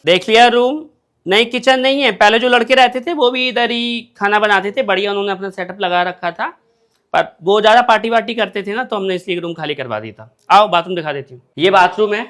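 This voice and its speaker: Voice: medium pitch, fairly quick, a bit bright. A comedy sketch performer bantering through a string of everyday household roles. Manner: playing several roles, bantering.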